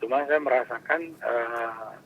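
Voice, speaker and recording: Male phone-in caller, respectful and hesitant, medium pitch, muffled line with faint noise. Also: fairly even intonation, measured pace, creaky. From Jakarta. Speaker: caller, a father asking advice.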